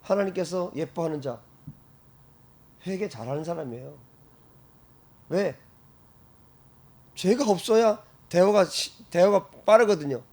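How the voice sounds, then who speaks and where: 활기찬 남자 목사의 설교. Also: male voice, sits high, a little slow, long pauses. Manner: animated, shouts out exclamations and laughs often. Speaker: pastor. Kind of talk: sermon.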